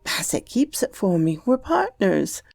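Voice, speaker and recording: A woman's voice: mid-range voice, very animated, unhurried, gravelly, darkish tone, no room sound, soft background music, exaggerated voice. Storybook boy, played by a woman: young, solemn, polite, insistent, secretive, in a dry close recording. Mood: grave. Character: earnest, secretive young boy, gravely confident about betting.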